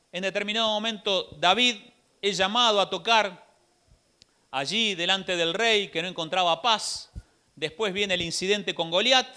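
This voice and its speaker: A man with an Argentine accent preaching a sermon in a church, telling the story in an animated way with rhetorical questions. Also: high-pitched, clear, resonant tone. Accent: Rioplatense Argentine Spanish.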